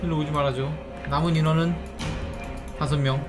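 A gaming host playing along with children, giving excited, exclamatory game commentary and saying each fear and next move aloud. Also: medium pitch, fairly quick, music in the background. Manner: exclamatory, narrates own fear and next moves.

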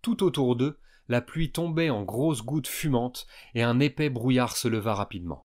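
A man calmly narrating a science fiction audiobook for young listeners. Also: mid-range voice, normal speed. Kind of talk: scripted narration.

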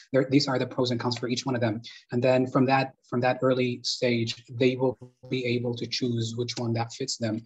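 A man's voice: mid-range voice, slightly rough. A young man from Sudan speaking on a conference panel over a video call from his living room, hesitant with many fillers and restarts. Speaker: panelist and moderator. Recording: dull lo-fi video call audio.

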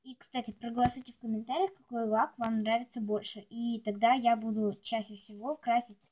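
Chewing gum and showing off nail polish, this woman vlogger chats in a loose, rambling way to herself and her audience. Her voice is a little high and darkish, steady and brisk, with slight noise in the background.

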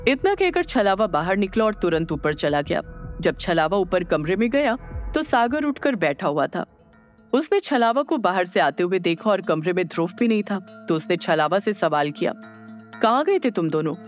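A narrator reading an audio drama in steady, scripted storytelling style. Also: mid-range voice, normal speed, faint music behind.

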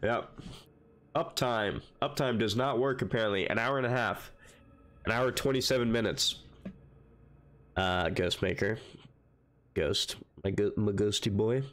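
A man's voice: lowish voice, a little slow, pauses often, a bit bright. A man streaming a horror game, chatting and joking, with jumpy reactions to scares. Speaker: gaming streamer. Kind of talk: let's play commentary.

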